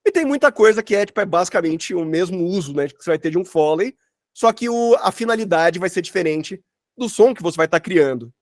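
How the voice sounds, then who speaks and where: A Brazilian man runs an informal online sound design workshop from home, explaining examples in a casual, rambling, slangy way. His voice sits high, with lively intonation and a slightly fast pace. The recording is dry and studio quality.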